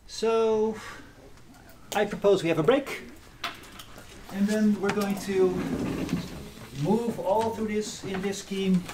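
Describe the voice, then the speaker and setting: A middle-aged university lecturer giving a live physics lecture in a hall, lively and often checking in with the class. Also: male voice, high-pitched, slow, long pauses, slight background noise. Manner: lively, asks the class questions.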